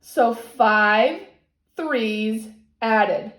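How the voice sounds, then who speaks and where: This female maths tutor talks extremely slowly, her fairly bright voice sitting a little high, as she teaches a child one-on-one. Encouraging throughout, she breaks things into steps and keeps checking comprehension; the room echo is noticeable.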